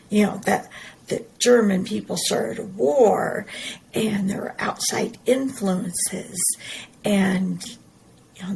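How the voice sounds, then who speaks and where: A woman's voice: medium pitch, vocal fry, slight background noise, low-quality recording. A middle-aged woman, talking earnestly and emphatically in a personal monologue, often repeating her words. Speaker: podcast host.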